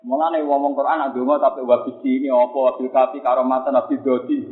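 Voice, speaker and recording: A man with a Javanese accent preaching a sermon, animated and joking, often asking his listeners rhetorical questions. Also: mid-range voice, quick pace. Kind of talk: religious sermon. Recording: echoey, phone-like lo-fi sound.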